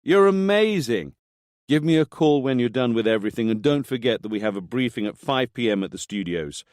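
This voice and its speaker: A man's voice: medium pitch, fast, darkish tone, no room sound, clean studio sound, lightly acted. A man voicing a brash, cynical male TV producer who talks pushily and emphatically. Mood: gushing.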